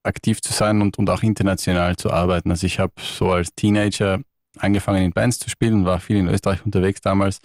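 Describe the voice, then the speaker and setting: A man, very low-pitched and speaking in a thoughtful way that keeps restarting. He sounds dry and close, as a guest in a radio studio. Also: level tone, fast talker, a little mellow, no room sound. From Tyrol, Austria. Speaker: guest musician. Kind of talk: relaxed radio interview.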